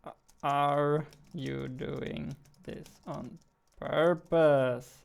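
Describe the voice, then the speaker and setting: His voice is fairly high, clear, resonant and gravelly, with fairly even intonation and a very slow pace. The game developer, in his twenties, chats informally and pokes fun at himself on a live stream through a boom-arm studio mic held close.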